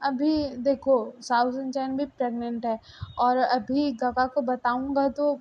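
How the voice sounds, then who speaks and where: A woman voicing a young man who keeps begging his girlfriend's forgiveness, soft and pleading. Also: high voice, little pitch movement, a little slow, highs cut off. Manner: begging, soft, repeated pleas.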